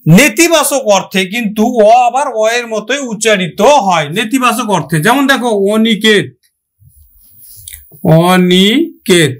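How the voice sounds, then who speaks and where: A man teaching an online grammar lesson. He asks questions, answers them himself, and stretches out each example word slowly. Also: high-pitched, expressive, a bit bright. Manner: slow, drawn-out pronunciation of example words.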